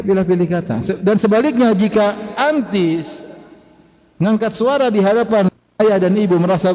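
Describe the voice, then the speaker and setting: High-voiced man preaching in a hall. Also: mellow. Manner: conversational, asks the audience questions and laughs. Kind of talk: sermon lecture. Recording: dull reverberant hall recording.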